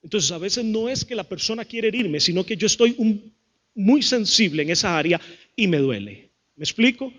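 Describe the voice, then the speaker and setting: High-voiced Costa Rican pastor preaching. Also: male voice, normal speed. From Costa Rica. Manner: lively, acts out quotes, calls to the crowd. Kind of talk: sermon.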